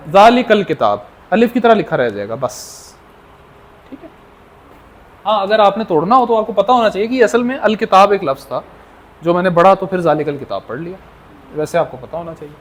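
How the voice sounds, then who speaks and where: A little fast and often pausing, the high-pitched, expressive voice belongs to a man lecturing an Arabic language class. He speaks to his students as children, echoing questions and drilling the answers.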